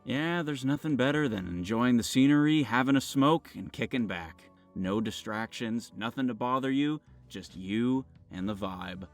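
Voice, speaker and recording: A mellow stoner guy, as a man puts him on, drawling slow and hushed over faint music. He sounds in no hurry at all, with a mid-pitched voice. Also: lively intonation, close to an everyday voice. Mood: relaxed, dreamy.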